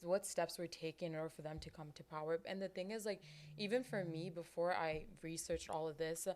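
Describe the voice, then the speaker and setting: A woman's voice: fairly low pitch, fairly even intonation, a little fast, darkish tone, a little hiss or hum. A young woman co-hosting a casual podcast, explaining earnestly with lots of fillers. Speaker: podcast co-host.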